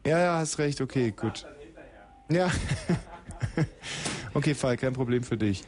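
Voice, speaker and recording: A male radio host chats live on air. He jokes, laughs often and narrates what is happening in the studio like a sportscaster. His voice sits at a middle pitch. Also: expressive, unhurried, crowd noise. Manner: joking, frequent laughter, mock play-by-play.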